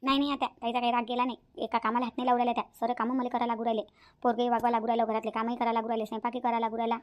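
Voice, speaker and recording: A woman's voice: on the high side, flat delivery, racing, close to an everyday voice. A woman doing a harried young cartoon daughter-in-law. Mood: complaining.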